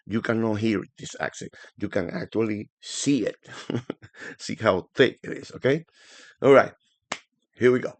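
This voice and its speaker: A man whose first language is Spanish, speaking with a thick Spanish accent, hosts his own channel and talks through market charts in a chatty, animated way full of fillers. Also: fairly low pitch, unhurried, long pauses, dry recording. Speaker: forex analysis channel host. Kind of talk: casual market commentary to camera.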